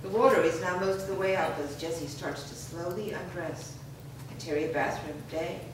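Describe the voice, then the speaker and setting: Reading stage directions aloud at a live screenplay reading, this woman has a fairly low voice and keeps a moderate pace. The room is very reverberant, the mic is distant, and background noise is audible.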